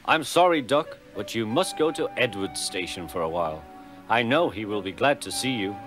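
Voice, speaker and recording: A man's voice: fairly low pitch, animated, normal speed, over music, lightly acted. A man voicing a stern, authoritative male railway boss in a storybook reading.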